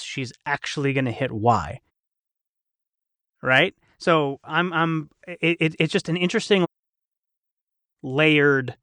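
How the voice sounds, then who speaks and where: A cast member in a behind-the-scenes panel discussion thinks aloud casually as he analyzes and explains. His voice is a little high with a fairly bright tone. The studio-quality recording has no echo.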